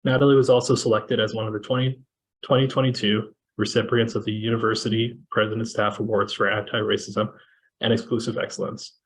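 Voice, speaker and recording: A man from Kenya moderating a panel discussion over a video call, talking in a measured way with many fillers. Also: lowish voice, flat delivery, a little hiss or hum, poor audio. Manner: measured, with frequent fillers and restarts.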